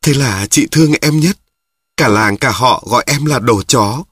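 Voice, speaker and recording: A man reading the lines of a blunt, crude old male cart driver, slow and gruff, with a husky voice. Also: medium pitch, a bit bright, no room sound, studio quality. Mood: tearful.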